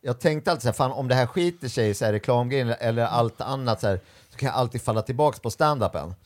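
Young male comedian guest, casual anecdotes, animated quoting, mid pitch. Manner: animated, acts out quoted voices. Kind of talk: casual storytelling chat.

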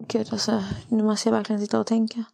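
A woman from Malmö, a guest friend on a podcast, chatting casually and telling stories with animated quoted voices. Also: a little high, vocal fry. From Sweden, Malmö. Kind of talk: casual chat.

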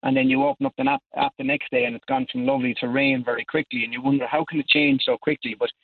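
A man's voice: medium pitch, lively intonation, quick pace, gravelly, husky, dry recording. Irish man on a tinny phone line. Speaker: amateur weather forecaster, radio interview guest. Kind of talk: casual explanatory interview talk. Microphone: telephone.

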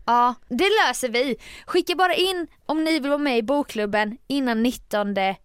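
Woman, podcast co-host, smooth resonant voice, dry close sound, teasing, laughs a lot. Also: high voice, dry recording. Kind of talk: casual chat.

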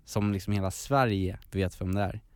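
A man's voice: deep voice, fairly even intonation, clear, resonant tone, dry recording, clean studio sound. A man, podcast host, telling a long story in casual chat, rambling with many fillers and restarts.

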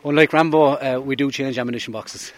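A man's voice: medium pitch, fairly even intonation, brisk. A man, an army sergeant, explaining his job formally in an interview. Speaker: army sergeant, range officer. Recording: field recording with faint noise and clicks.

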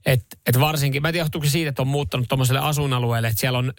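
A man's voice: mid-range voice, fairly even intonation, no room sound, clean studio sound. A man co-hosting a morning radio show in casual chat, rambling with restarts and casual swearing. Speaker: radio host. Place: radio studio. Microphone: studio microphone.

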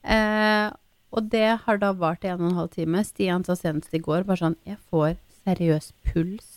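A woman's voice: smooth, dry recording. A woman in her thirties chatting casually as a podcast co-host, telling stories animatedly and mimicking her child. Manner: animated storyteller, acts out her child's pleading in a high voice. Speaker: podcast co-host, mother of a young girl. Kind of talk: casual chat.

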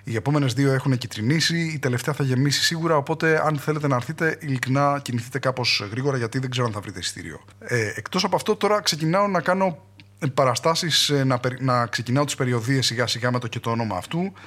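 A man in his thirties, a congested comedian and host, delivering a sarcastic satirical monologue. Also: a bit bright. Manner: sarcastic, mock-earnest, rising to high-pitched outbursts. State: congested, has a cold.

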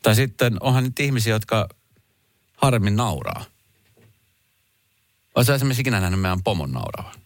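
A man co-hosting a radio show in casual chat, talking loudly and emphatically. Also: on the low side, animated, pauses often, dry recording. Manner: loud voice, emphatic. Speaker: radio host. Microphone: studio mic.

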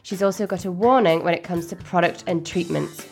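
A woman's voice: lowish voice, a little fast, creaky, soft background music. A woman hosting a podcast in a polished, enthusiastic manner, moving between scripted introduction and interview questions. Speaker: podcast host.

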